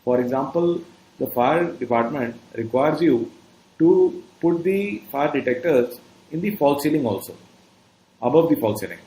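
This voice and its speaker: A trainer with an Indian accent gives a step-by-step instructional lecture, didactic and often checking in with "okay." His voice is on the high side, expressive and warm at a normal speed, in a roomy, echoing space with faint background noise.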